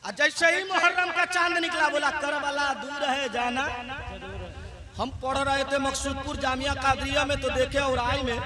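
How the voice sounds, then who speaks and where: A man preaching an Islamic sermon at a large gathering. He builds to shouted climaxes and jokes and banters with the crowd. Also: extremely high pitch, level tone, fairly quick, few pauses. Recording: loud crowd at a live gathering.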